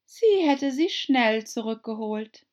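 A woman voicing a curious, polite young girl in an audiobook, speaking high and eagerly. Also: expressive, slow, darkish tone, highs cut off.

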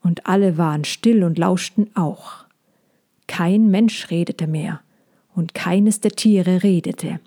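A woman reading a children's story aloud, calm and unhurried, with brief livelier character lines. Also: on the low side.

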